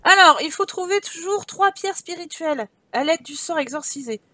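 High-voiced woman narrating a life-sim game. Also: lively intonation, moderate pace, pushed and bright, no echo. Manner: chatty, joking, thinks aloud with fillers. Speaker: gaming channel host. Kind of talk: casual gameplay commentary.

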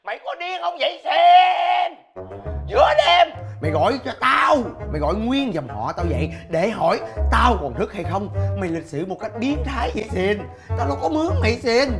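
Brief: an exasperated friend, swooping animated delivery, music and crowd behind. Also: male voice, high voice, brisk, few pauses. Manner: exasperated, scolding rants. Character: fed-up young man woken at night. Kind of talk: scripted comedy sketch acting.

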